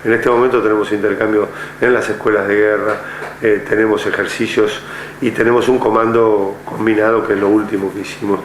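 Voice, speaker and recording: Older argentine ex-general talking slow and careful, lots of ehs, lowish voice, roomy echo, bit of hiss. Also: male voice, flat delivery. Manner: measured, with frequent filler hesitations. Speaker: retired army general interviewee. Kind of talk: oral history interview. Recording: echoey room with faint noise.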